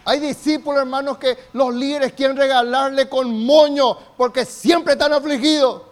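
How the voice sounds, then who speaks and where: High-voiced preacher. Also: male voice, steady tone, moderate pace. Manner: call-and-response preaching, builds to shouts. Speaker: pastor. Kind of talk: sermon.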